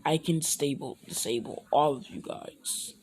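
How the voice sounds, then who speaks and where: A woman voicing an arrogant, all-powerful male fighter who talks in a low, quiet, boastful, threatening way. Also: measured pace, slightly rough, full character voice.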